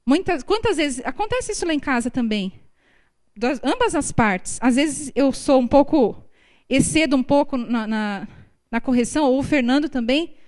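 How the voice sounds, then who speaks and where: A woman's voice: high-pitched, animated, normal speed, darkish tone. A woman with a Brazilian Portuguese accent giving a sermon at a prayer group, speaking conversationally and acting out family dialogues.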